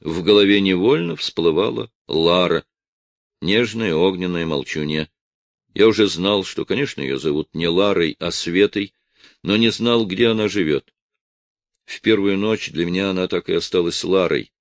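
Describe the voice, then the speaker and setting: Deep gravelly man reading an audiobook. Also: moderate pace, no room sound. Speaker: audiobook narrator. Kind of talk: first-person audiobook reading.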